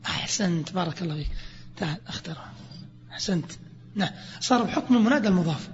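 A man teaching a grammar lesson to students, quizzing them with lively questions. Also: sits high, quick pace. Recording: dull lo-fi recording with hall reverb.

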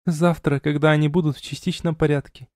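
A man's voice: high voice, fairly even intonation, normal speed, a little mellow, no echo, clean studio sound, pitched above the performer's own voice. Man voicing a sobbing, drunk young sorceress. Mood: drunk, bitter. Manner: sobbing, accusing, slurred. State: crying. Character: drunk, tearful young woman mage.

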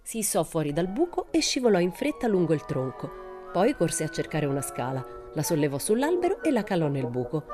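A woman reading a children's storybook aloud with an expressive, warm manner. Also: sits low. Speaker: audiobook reader. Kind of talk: storybook narration.

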